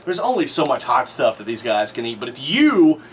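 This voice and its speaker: A man hosting a live radio show, giving energetic play-by-play commentary in a crowded studio. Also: medium pitch, brisk, slight background noise. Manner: energetic, excitable narration.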